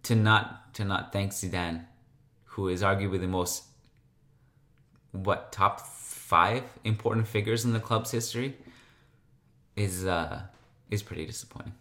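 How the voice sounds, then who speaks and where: A man's voice: on the low side, unhurried, long pauses, a bit bright. A man hosting a sports podcast solo, talking casually in a rambling, conversational way.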